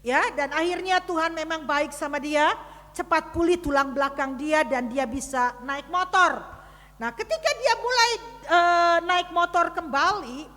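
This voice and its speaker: A woman preacher tells a story to her congregation, talking to them directly and swinging from hushed to loud. Her voice is very high and sharply bright. It rings out with the long reverb of a church hall. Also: a little slow. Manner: dramatic storytelling with big swings in loudness. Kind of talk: sermon. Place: church service.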